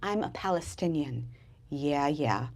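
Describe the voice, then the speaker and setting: At a live bookstore event, a woman from the United States reads from and discusses her novel with dramatic emphasis. Her voice is low-pitched and a little mellow, with lively intonation and a measured pace.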